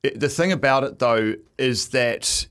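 A middle-aged man, an event ring announcer, is a guest in a casual radio interview. His medium-pitched voice is clean and a bit bright, a little slow, and he talks in a stop-start, self-deprecating way.

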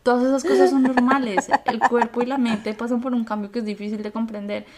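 A woman's voice: fairly high pitch, a little fast, noisy background. A woman with a Colombian accent co-hosting a podcast, chatting casually and giving listeners candid, straight-talking advice. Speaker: podcast co-host. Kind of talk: casual chat.

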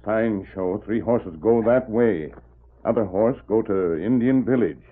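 Tonto, gruff husky western sidekick. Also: male voice, on the low side, unhurried. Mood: grave. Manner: terse, broken pidgin English. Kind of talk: old-time radio western acting. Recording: muffled, lo-fi vintage radio recording.

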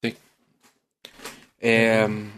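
A man's voice: lowish voice, monotone, drawn-out words, a bit bright. A man hosting a podcast, telling a historical story in casual chat, with many hesitations and restarts. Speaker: podcast host.

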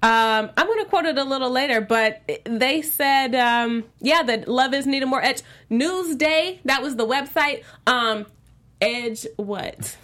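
A woman's voice: high voice, measured pace, few pauses, fairly bright tone. A woman hosting a talk show in casual chat, upbeat and laughing, with lots of "um" and "you know.". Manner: upbeat, laughing, filler-heavy.

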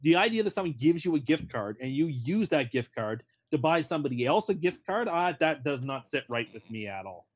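A man's voice: a little high, very animated, fairly quick, few pauses. A man in casual podcast banter, earnest and stubborn in defending his opinions.

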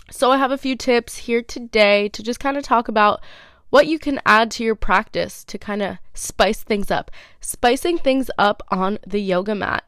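Young female podcast host, 20s, congested and nasal, breezy and self-deprecating, crisp dry close sound. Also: medium pitch, dry recording. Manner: chatty, self-mocking, laughs easily. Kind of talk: casual solo podcast.

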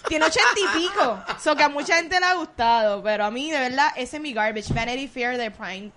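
Woman, Puerto Rican accent, high voice, bright tone, chatty podcast co-host, slips into English. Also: expressive, brisk, a little hiss or hum. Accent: Puerto Rican Spanish. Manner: chatty, mixes in English words. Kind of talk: casual chat reviewing films and series.

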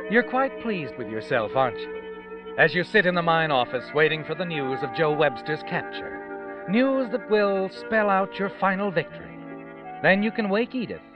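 A man playing a sinister, all-knowing narrator who taunts the guilty in a 1940s radio suspense drama. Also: on the high side. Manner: taunting, knowing, theatrical second-person address. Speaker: story narrator. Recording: dull, lo-fi vintage radio recording.

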